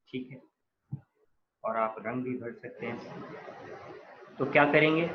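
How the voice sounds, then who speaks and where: A man giving a patient classroom lecture on accounting. He talks to his students as "beta" and writes on a board as he speaks. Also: a little high. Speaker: accounting teacher. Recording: echoey dull lo-fi room sound.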